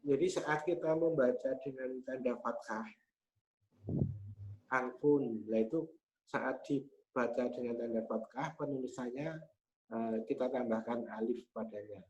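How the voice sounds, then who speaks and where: A man, teaching Arabic grammar patiently and methodically, pausing often on hesitation sounds. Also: mid-range voice, steady tone, a little mellow. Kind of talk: explaining grammar in a class. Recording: slightly muffled with faint hum.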